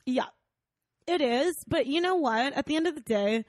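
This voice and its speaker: A woman's voice: high-pitched, expressive, normal speed, dry recording. A woman co-hosting a loose comedy podcast, giggly and playful, laughing often as she chats. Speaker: podcast co-host.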